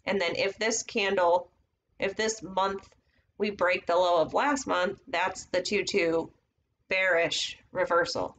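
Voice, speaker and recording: A woman's voice: fairly low pitch, fairly even intonation, slow pace, a bit bright. A woman casually teaching trading setups on a live stream, thinking aloud as she marks up charts at her computer. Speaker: trading educator.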